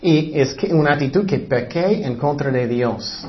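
A man's voice: fairly high pitch, lively intonation, a little slow. A man preaching a sermon as pastor, emphatic and repetitive, sometimes acting out short voices. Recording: dull lo-fi recording.

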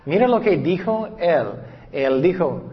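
A man preaching a sermon, reading scripture slowly and deliberately, with hesitant pauses and frequent fillers. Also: sits high, lively intonation. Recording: dull recording with long reverb.

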